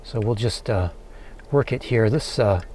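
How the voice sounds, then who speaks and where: A man in his forties calmly talking through a recipe while cooking in a small camper van kitchen, with many relaxed "uh"s. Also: fairly low pitch, slight background noise. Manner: calm, unhurried, many filler "uh"s. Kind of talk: casual cooking demonstration.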